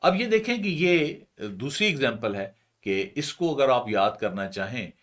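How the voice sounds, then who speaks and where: A middle-aged man, a professor, calmly explaining a memory technique step by step in a lesson. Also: medium pitch, measured pace. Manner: calm, explains step by step with slide references.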